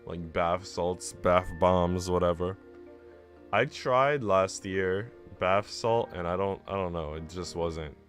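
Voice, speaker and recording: With a low voice and a slow pace, this live streamer switches back and forth between chatting casually with viewers and reading a story aloud. Background music plays under his voice throughout.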